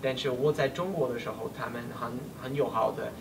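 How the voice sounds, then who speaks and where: Halting foreign man speaking Mandarin, distant and noisy. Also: medium pitch, steady tone, vocal fry. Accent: foreign, non-native Mandarin. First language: not Mandarin. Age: 20s. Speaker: learner of Chinese. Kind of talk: casual conversation in halting Mandarin. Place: small indoor room, seated on a sofa. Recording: distant mic, noisy room ambience.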